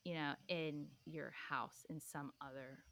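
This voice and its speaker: A woman's voice: sits low, fairly even intonation, unhurried, a bit bright. A young woman talking casually as a podcast guest, rambling with lots of "like" and "um". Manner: rambling, full of "like" and "um". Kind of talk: casual chat.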